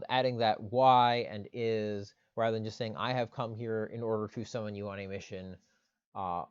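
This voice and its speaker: A man in a mid-range voice delivers a recorded lecture, explaining step by step and filling his pauses with "uh" and "um". The sound is dry and a little dull, with no room echo. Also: medium pitch, a little mellow. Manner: explanatory, frequent "uh" and "um" fillers.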